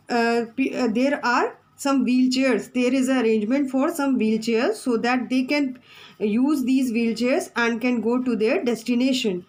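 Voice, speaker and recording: A woman's voice: on the high side, darkish tone, low-quality recording. A woman teacher, giving a classroom lesson from the textbook, repeating her points and spelling out words.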